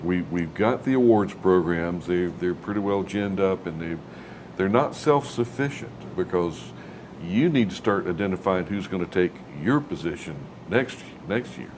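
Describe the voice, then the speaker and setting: A man's voice: sits low, lively intonation, normal speed, a little mellow, a little hiss or hum. A man chatting casually as an interviewer, with a folksy, rambling way of asking questions. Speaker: interviewer, host.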